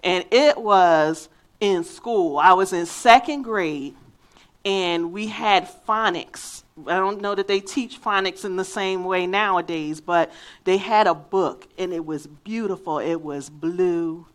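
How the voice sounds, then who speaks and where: A woman from Philadelphia, USA, with a faint local accent, preaches an earnest, emphatic sermon and weaves in a personal story. Her voice sits on the low side and she speaks at a slow pace.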